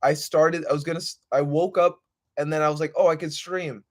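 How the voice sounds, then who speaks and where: A man's voice: on the high side, steady tone, brisk. A man hosting a casual livestream, talking in an informal, rambling, slangy way. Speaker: livestream host. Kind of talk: casual unscripted spiritual livestream chat.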